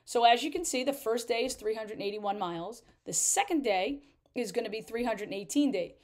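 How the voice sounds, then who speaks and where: A woman's voice: on the high side, moderate pace. A woman in her thirties, an RV travel vlogger, explaining a trip-planning tool step by step in a chatty way. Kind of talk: screen-share tutorial walkthrough.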